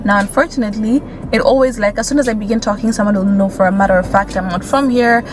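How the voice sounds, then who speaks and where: A young vlogger speaks with a Kenyan accent in a medium-pitched voice with fairly even intonation, talking quickly as she drives through the city. Her casual, candid chat is full of fillers, set against loud road noise inside the car.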